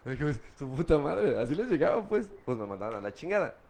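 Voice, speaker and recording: In a mid-range, slightly mellow voice, a middle-aged Guadalajara man talks animatedly at a normal pace in Mexican-accented Spanish. As a guest, he's openly recounting his addiction, describing his drinking days in crude street slang.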